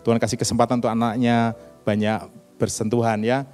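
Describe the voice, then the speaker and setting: A man's voice: mid-range voice, a little fast, soft background music. An older man preaching a sermon in church, telling personal stories and acting out the dialogue in them. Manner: animated storytelling, acts out dialogue. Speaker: pastor.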